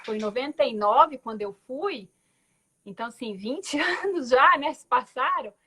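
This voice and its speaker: Her high-pitched voice is expressive, pushed and bright, slightly rough, at a moderate pace. She is a woman in her forties from Belo Horizonte, Brazil, speaking Minas Gerais Portuguese as a guest artist on a video call. She reflects on her story conversationally, with frequent tag words and restarts.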